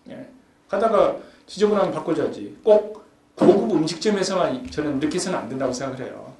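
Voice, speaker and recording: Man, forum lecturer, conversational talk, slightly high voice, acts out scenes, echoey hall. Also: animated, brisk. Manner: chatty, acts out everyday scenes with rising emphasis. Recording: echoey hall with faint background hum.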